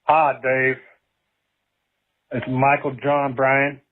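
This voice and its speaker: A man's voice: mid-range voice, monotone, drawn-out words. A man leaving a mock-earnest, teasing voice message, played back from a phone recording. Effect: voice message played back over the stream. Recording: tinny phone-line voicemail.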